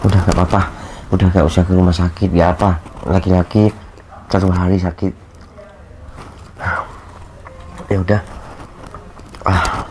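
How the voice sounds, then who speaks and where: A man playing an ailing young husband who feels guilty, speaking softly and wearily as if feverish and dizzy, in an amateur skit. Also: sits low, flat delivery, fairly quick, slight background noise, close to an everyday voice. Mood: dismissive. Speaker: sick husband.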